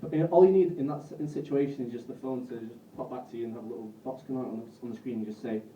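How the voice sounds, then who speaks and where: Dark-voiced Northern English comic, twenties. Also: male voice, mid-range voice, a little hiss or hum. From Bolton, England. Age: 20s. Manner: self-deprecating, halting with repeated restarts, swears freely. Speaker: stand-up comedian. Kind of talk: live stand-up set. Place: comedy club stage. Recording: roomy, distant, muffled live recording.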